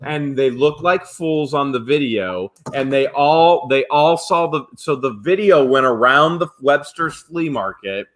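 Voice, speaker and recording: Male streamer, casual storyteller, middle pitch, slips into quoted voices. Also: measured pace, hardly any pauses. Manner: animated storyteller, acts out quotes. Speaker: flipping channel host. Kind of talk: casual live-stream chat.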